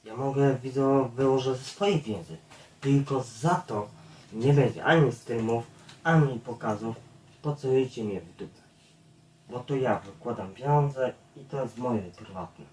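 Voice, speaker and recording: A man delivers a blunt, profanity-laced monologue straight to his viewers, addressing them again and again. His voice sits at an ordinary male pitch. He is some distance from the mic in an echoey room. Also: darkish tone, a little hiss or hum. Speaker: YouTube streamer.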